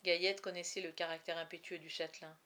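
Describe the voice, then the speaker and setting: A woman reading a novel aloud chapter by chapter, with expressive, dramatic storytelling. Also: fairly low pitch, fast talker. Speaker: reader.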